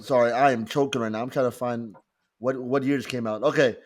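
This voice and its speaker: A man's voice: mid-range voice, fairly even intonation, brisk. A man co-hosting a casual podcast, reading out trivia questions with stumbles and restarts.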